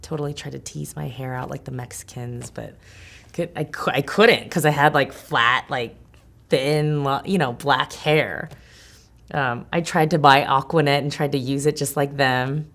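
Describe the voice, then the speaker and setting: A woman's voice: a bass voice, fairly even intonation, normal speed, vocal fry, fairly bright tone. A young adult woman from Los Angeles, telling her life story frankly and casually, full of "like" and "you know". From Los Angeles, USA. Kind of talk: candid personal storytelling.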